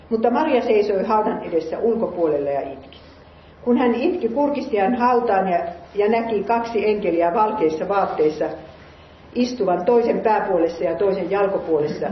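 A woman's voice: medium pitch, a little hiss or hum. Woman preaching on a bible passage, earnest and musing, echoey room, kinda muffled sound. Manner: earnest, musing, asks the listeners questions. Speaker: lay preacher. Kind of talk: Bible reading with sermon commentary. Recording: roomy, muffled recording.

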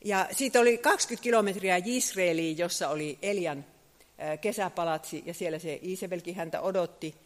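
High-voiced man preaching in a reverberant hall. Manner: lively storytelling, swelling and dropping in loudness. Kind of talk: sermon.

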